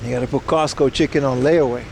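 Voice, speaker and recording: A man's voice: medium pitch, steady tone, quick pace, vocal fry, a little mellow, a little hiss or hum. A man streaming through a headset mic. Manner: rambling, laid-back, swears casually. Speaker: livestream host. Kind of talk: casual live-stream chat. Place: outdoors in a city, near a parking garage.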